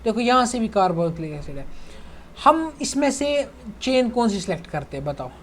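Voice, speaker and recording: In a relaxed online chemistry class, a young tutor with a high-sitting voice and big pitch swings talks at a moderate pace. He's chatty, addresses students as "bhai," and checks they keep up, with slight background noise.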